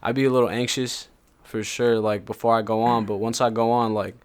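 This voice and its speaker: A man's voice: mid-range voice, level tone, brisk. A man in his twenties, a rapper from Salt Lake City, chatting in a laid-back, slangy way with lots of fillers. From Salt Lake City, Utah. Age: 20s. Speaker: rapper, interviewee. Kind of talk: casual chat.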